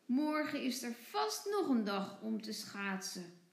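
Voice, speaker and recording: A woman's voice: on the high side, very animated, takes it slowly, creaky, roomy sound, full character voice. A woman reading a storybook aloud and voicing a sensible, caring mother.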